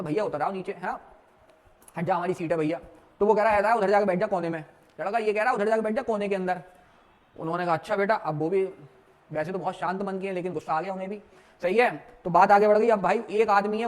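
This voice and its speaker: High-voiced man teaching law. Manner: storytelling, mixing Hindi and English, asks students questions. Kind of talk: exam lecture.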